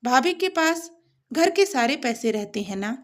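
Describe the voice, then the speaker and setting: A woman's voice: high-pitched, lively intonation, unhurried. A woman voicing a scheming young woman who talks sweetly and feigns innocence. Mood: sly.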